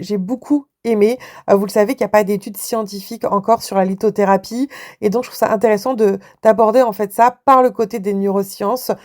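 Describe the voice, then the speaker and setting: A woman's voice: mid-range voice, darkish tone. A woman hosting her own podcast, talking casually and with enthusiasm, with frequent fillers and restarts. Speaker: podcast host. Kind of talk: casual solo podcast talk.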